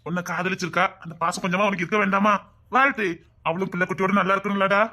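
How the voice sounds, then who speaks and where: Brief: man playing a needling young friend, Tirunelveli Tamil accent, quick and bright, comic sketch banter. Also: sits high, steady tone, gravelly, heavily acted. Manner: mocking, needling. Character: teasing young man mocking his heartbroken friend. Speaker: comedy sketch actor.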